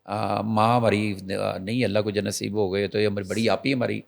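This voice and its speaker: A male reporter on a TV talk show, telling stories in an animated way and addressing viewers directly. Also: on the low side, creaky.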